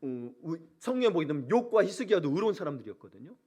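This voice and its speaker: A male pastor preaching a sermon in an animated way, acting out prayers and mocking voices as he goes. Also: on the high side, quick pace, husky.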